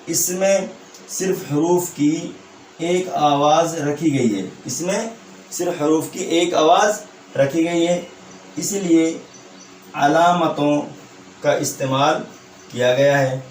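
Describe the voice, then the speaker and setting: During an online Urdu lesson for exam prep, a man with a fairly high, darkish voice pauses often as he restates each point as a question, answers it, and uses a tag question to confirm students follow. There is a little hiss or hum, and his voice is distant in an echoey room.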